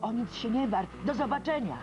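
A cheerful, chatty excavator from a children's cartoon, voiced by an actor. The sound is a bit dull and muffled. Music plays clearly under her. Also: mid-range voice, animated, normal speed, lightly acted. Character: cheerful female excavator machine. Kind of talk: cartoon dubbing. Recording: slightly muffled, music behind.

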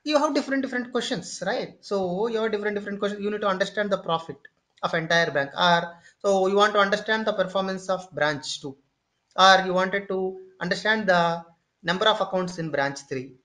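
An instructor giving a screen-share tutorial lecture, explaining step by step, often pausing on "okay" and repeating or restarting phrases while thinking. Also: medium pitch, pushed and bright.

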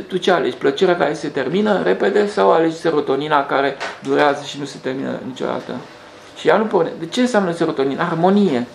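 A man with a gravelly, slightly high voice talks through a rambling spiritual monologue. He restarts and hesitates often. The room echoes, and a faint hum sits underneath. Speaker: host.

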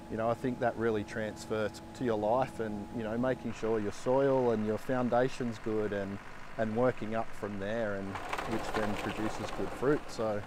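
A man, a farm manager, interviewed outdoors on a farm, talking in a relaxed, casual way. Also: fairly low pitch, moderate pace. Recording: outdoor farm noise with vehicle.

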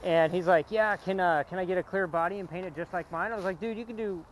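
A man hosting an outdoor vlog, chatting casually about RC trucks and coaching a driver in a relaxed way. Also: high voice, fast, a little hiss or hum. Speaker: vlog host. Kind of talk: casual chat while driving RC trucks. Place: outdoor trail.

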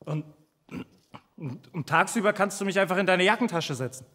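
Man playing a tiny devoted protector, high-pitched, stammering and repeating, stage monologue, long hall reverb. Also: fairly bright tone. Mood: tender. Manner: halting and stammering, repeating words. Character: devoted protective companion imagining himself tiny, vengeful. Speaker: stage actor in a filmed play. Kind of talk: theatrical monologue.

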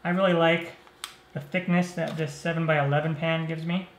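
A man hosting a cooking show, explaining each step of a recipe in a relaxed, easygoing way. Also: on the high side, moderate pace, a little hiss or hum. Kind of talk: cooking demonstration. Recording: roomy echo.

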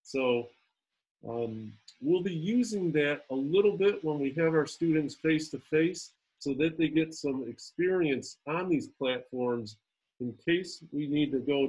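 A man speaking as a school administrator at a town hall over a video call, halting with frequent ums and restarts. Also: on the high side, darkish tone, husky.

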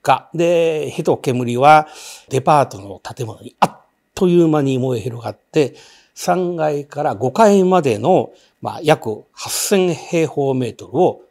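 A man's voice: a little high, expressive, unhurried, gravelly, darkish tone. A man with a Kansai accent telling a ghost story, vividly acting out the voices of the people in it.

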